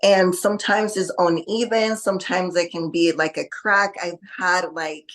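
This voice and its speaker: A woman's voice: on the low side, steady tone, unhurried. A woman from Costa Rica, a guest on a podcast, talking casually with many fillers. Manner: hesitant, many fillers, laughs easily. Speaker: podcast guest, bodybuilding athlete. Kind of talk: casual interview.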